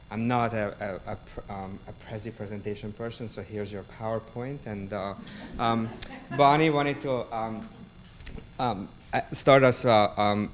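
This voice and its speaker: A man with a Hungarian accent and a fairly low voice, a university lecturer, gives a public talk about a book. He is halting and hesitant, full of ums and restarts, and there's slight background noise.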